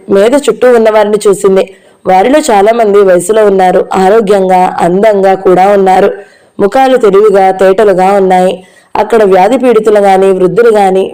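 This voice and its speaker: Woman audiobook narrator, steady even reading, warm mellow voice, mid pitch. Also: clear, resonant tone, low-quality recording. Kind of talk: scripted novel narration.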